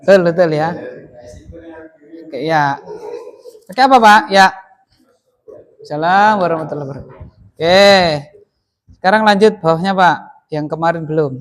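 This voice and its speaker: A classroom teacher with a Javanese accent leads a grammar lesson in an ordinary middle-pitched voice. The teacher keeps prompting the class with short questions and echoes their answers back. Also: moderate pace, pauses often. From Central Java, Indonesia.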